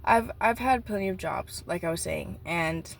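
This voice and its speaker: A nineteen-year-old woman vlogging an unplanned journaling session outdoors beside a busy street, rambling and reflective, with halting restarts. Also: fairly low pitch, lively intonation, vocal fry.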